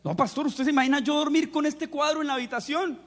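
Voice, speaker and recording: A preacher acting out a scandalized church leader, his voice pushed up high as he pleads in a flustered way. It rings out in an echoey hall. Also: fairly even intonation, fast, fairly bright tone. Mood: pleading.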